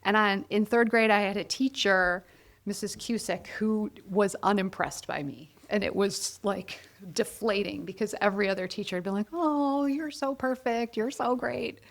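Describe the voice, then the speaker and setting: A woman's voice: medium pitch, moderate pace. A woman in her forties from Ohio, a guest in a casual interview, talking candidly and with self-deprecating humor. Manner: candid, self-deprecating, quotes others in lively voices. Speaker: guest, college counselor.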